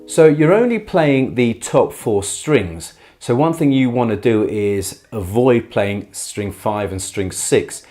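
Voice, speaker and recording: A man giving a beginner guitar tutorial in a careful, unhurried way, patiently and reassuringly explaining each step. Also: medium pitch, expressive, mellow. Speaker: guitar teacher. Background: acoustic guitar playing.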